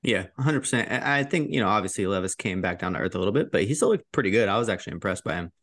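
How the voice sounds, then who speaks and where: A man's voice: on the low side, expressive, racing, fairly bright tone, dry recording. A man co-hosting a casual sports podcast, laid-back, swearing freely and laughing often. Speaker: podcast co-host.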